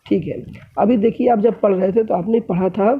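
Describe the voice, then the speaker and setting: A man's voice: high voice, moderate pace, breathy edge. A man giving an economics lesson, explaining step by step and often addressing his viewers as friends. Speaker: economics teacher. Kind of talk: classroom lecture. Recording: tinny phone-like audio.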